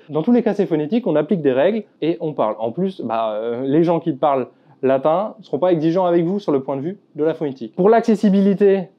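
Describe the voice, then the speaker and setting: Man, video host, casual commentary, candid, laid-back, muffled lo-fi audio. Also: fairly high pitch. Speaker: language YouTuber. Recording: dull lo-fi sound.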